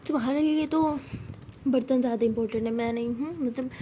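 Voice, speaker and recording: A woman's voice: high voice, fairly quick, mellow, slight background noise, natural voice. A woman voicing a playful young woman who teases with affectionate sarcasm. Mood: teasing. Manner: teasing, sarcastic.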